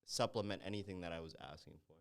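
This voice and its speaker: A young man from Ethiopia co-hosts a podcast conversation. His voice is very deep and smooth, and he talks quickly, stacking up his points one after another in a measured way. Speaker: podcast co-host. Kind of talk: casual chat.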